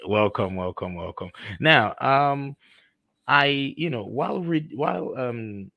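A Nigerian man with a Nigerian accent hosts a podcast interview in a conversational, effusive style, halting often with fillers. His mid-range voice has lively intonation and vocal fry, and the recording is muffled with no room sound.

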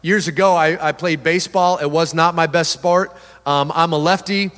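High-voiced pastor in a reverberant hall. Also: male voice, fairly even intonation, moderate pace, a bit bright. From Texas. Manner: storytelling with self-deprecating humor and repeated restarts. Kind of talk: sermon.

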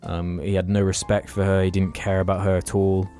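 A man's voice: sits low, level tone, fairly quick, warm tone, soft background music. A young man, telling a long story in casual podcast chat and swearing freely. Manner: rambling storytelling, heavy swearing. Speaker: podcast co-host.

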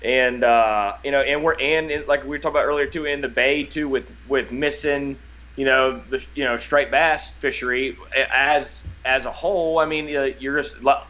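A man with a rural American hillbilly twang, chatting casually as a podcast guest in a folksy, halting, rambling way. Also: mid-range voice, steady tone, bright, forceful tone, muffled recording. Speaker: podcast guest, lifelong fisherman.

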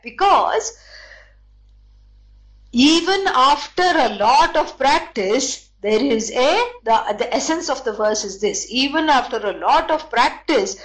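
A woman with an Indian accent teaching scripture in a deliberate, explanatory way, posing questions and then answering them. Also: high voice, a bit bright, low-quality recording. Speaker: spiritual teacher. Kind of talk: scripture lesson with chanted verses and explanation.

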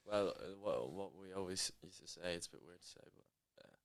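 Casting: male co-host, very low creaky voice, easygoing informal talk with hesitant phrasing. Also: moderate pace. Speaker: podcast co-host. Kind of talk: casual conversation.

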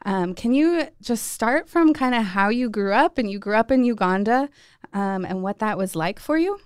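A woman's voice: mid-range voice, expressive, normal speed, clean tone, no room sound, clean studio sound. A woman co-hosting a podcast, reading a polished intro and then chatting in a friendly, conversational way. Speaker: podcast co-host, alumni relations director.

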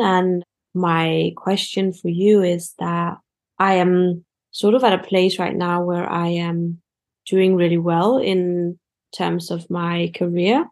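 Unhurried woman guest, hesitant phrasing. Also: lowish voice, darkish tone. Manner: hesitant, with many "like" fillers. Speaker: guest, a coach and public speaker. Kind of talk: casual conversation.

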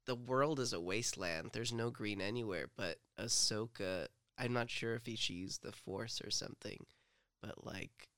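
A man's voice: on the low side, normal speed, sharp tone, clear, resonant tone, dry recording, clean studio sound. A man chatting casually as a podcast co-host, rambling with lots of fillers and joking asides. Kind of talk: casual fan discussion.

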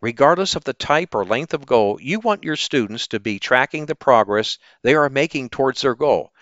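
A man speaking as a teacher and podcast host in an animated, upbeat, salesy presenting style, often posing questions to the listener. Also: mid-range voice, moderate pace, no echo, lo-fi sound. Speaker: teacher hosting an education podcast. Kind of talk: upbeat promotional ad pitch.

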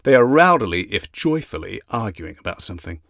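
A man narrating an audiobook in a measured, even reading. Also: on the low side, vocal fry, no echo, clean studio sound. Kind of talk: scripted narration.

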